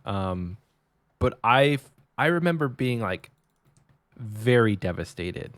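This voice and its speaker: Male podcast co-host, animated pitch, hesitant storyteller, dry close mic. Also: takes it slowly, no room sound. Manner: lively, hesitant, many ums. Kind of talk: casual storytelling chat.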